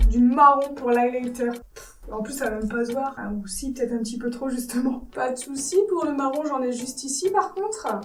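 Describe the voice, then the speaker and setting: High-voiced chatty woman, echoey room. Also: far from the mic. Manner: animated, jokey, easily exasperated. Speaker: beauty YouTuber. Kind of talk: casual makeup tutorial chat.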